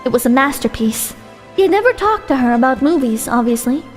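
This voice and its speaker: A woman's voice: sits high, lively intonation, fairly quick. A woman reading a short story aloud as its narrator. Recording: long hall reverb with music.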